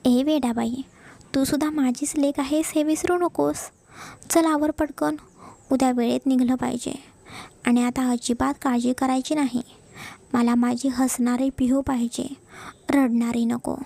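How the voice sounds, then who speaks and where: A woman's voice: high-pitched, steady tone, a little slow, vocal fry, warm tone, full character voice. A woman voicing a caring middle-aged mother in a read-aloud story, speaking affectionately with a scolding edge. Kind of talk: storybook narration.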